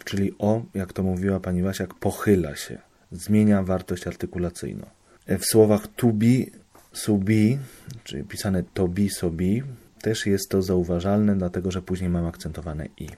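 A man with a low, warm voice talks through a lecture topic in a measured, explanatory way. He pauses now and then to make sure his listeners are keeping up. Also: steady tone. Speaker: student presenting a lecture topic. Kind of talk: academic explanation.

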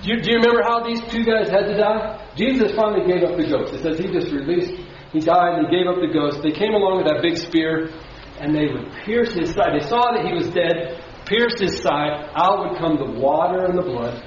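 A man's voice: sits high, brisk, slight background noise. A man preaching a sermon as pastor to a congregation, asking them questions and building emphasis. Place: church sanctuary. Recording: dull, very echoey hall from far off.

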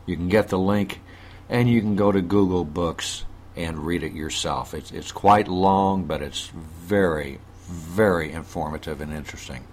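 Low voiced guy hosting a little animal webcast, folksy, keeps restarting his sentences. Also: measured pace, darkish tone, a little hiss or hum. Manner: folksy, addresses listeners as folks, frequent restarts. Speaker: host. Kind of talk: casual webcast hosting and story reading.

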